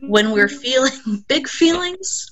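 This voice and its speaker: A woman on a group video call leading children in a call-and-response prayer, saying short phrases and pausing for repetition. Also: high voice, lively intonation, a crowd in the background.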